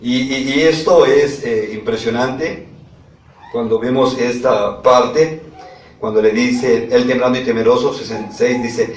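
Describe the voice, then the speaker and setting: Here a pastor, unhurried and mid-range in voice with fairly even intonation, reads scripture to his congregation and often poses questions to them. The sermon was recorded at a distance in a room full of echo.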